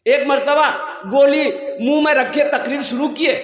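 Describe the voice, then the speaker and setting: A man's voice: very high voice, fairly even intonation, moderate pace. A man with a Kolkata accent giving a humorous sermon, playfully quizzing his audience over a public address mic. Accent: Kolkata Hindi. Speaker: Islamic preacher. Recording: echoey hall, long reverb.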